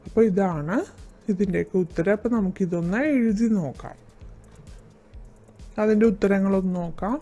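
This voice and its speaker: A woman teacher with a Malayali accent explaining a school lesson, reading English lines slowly and deliberately before explaining them. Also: mid-range voice, warm tone, highs cut off, soft background music.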